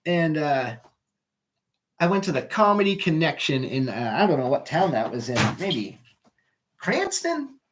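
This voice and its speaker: A man's voice: a little high, sing-song, measured pace, pauses often, a little hiss or hum. A young man doing a casual, rambling stand-up monologue at home, loose and swearing, often trailing off mid-sentence. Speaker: amateur comedian.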